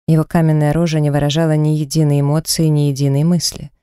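A woman narrating a first-person audiobook novel with dramatic, emotional reading. Her voice is mellow and smooth, recorded close and dry. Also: low voice, flat delivery, fast, dry recording.

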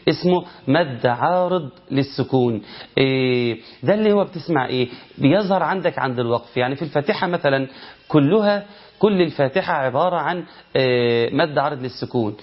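A man's voice: fairly high pitch, lo-fi sound. Egyptian man teaching Quran recitation rules. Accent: Egyptian Arabic. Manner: explains with rhetorical questions, chants verse examples slowly. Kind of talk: tajweed lesson.

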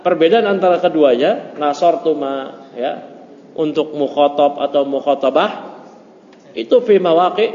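Male teacher with a higher voice, joking, chatty class talk, muffled roomy recording. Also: slight background noise. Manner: joking, chatty, mixes Arabic terms into relaxed explanation. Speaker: teacher of Arabic grammar. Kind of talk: informal classroom lesson. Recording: muffled echoey room recording.

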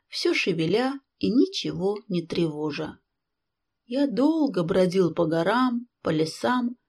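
A woman narrating a classic novel in first person, calm, measured and reflective. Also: medium pitch, breathy edge. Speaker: audiobook reader. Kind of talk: scripted literary narration.

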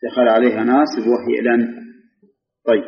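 Male teacher, mid-pitched, drills and quizzes the class, dull lo-fi recording. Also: level tone. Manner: quizzes students, repeats examples slowly. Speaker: grammar teacher. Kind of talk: classroom lesson. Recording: muffled lo-fi recording.

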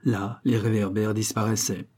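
A man reading a novel aloud as narrator at a steady, measured pace. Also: fairly low pitch. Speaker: audiobook narrator. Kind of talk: scripted narration.

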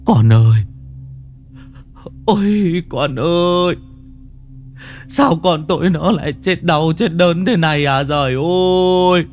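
A man's voice: a little high, slow pace, long pauses, soft background music, voice pushed up. Man doing a sobbing old father. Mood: sobbing lament. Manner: sobbing lament.

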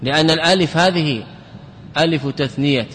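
A man's voice: fairly high pitch, fairly quick, a bit bright. A man, a sheikh teaching Arabic grammar, lecturing in class, repeating examples aloud and quizzing his students. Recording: reverberant hall recording, faint noise.

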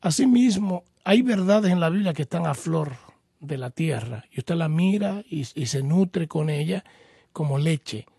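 Male pastor-host, patient teacher type, high-ish husky gravelly voice, dry close sound. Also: lively intonation, unhurried, dark tone, no echo. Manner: patient, explanatory, teaches with homely examples; addresses the caller formally as brother. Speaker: pastor hosting a call-in program. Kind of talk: radio call-in Bible questions and answers.

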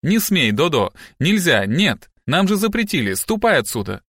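In an audiobook, a man performs a full character voice for a distraught, sharp-tongued middle-aged wife and mother, scolding in sharp, agitated outbursts. He pitches slightly above his natural voice, very animated, at a normal pace. The studio recording is clean, with no room sound.

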